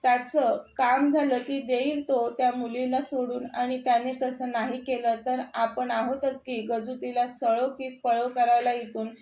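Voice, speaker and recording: A woman's voice: a little high, little pitch movement, a little slow, few pauses, darkish tone, slight background noise, close to an everyday voice. A woman voicing a proud, scheming middle-aged mother who speaks with scorn, in an echoey room. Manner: scornful and controlling.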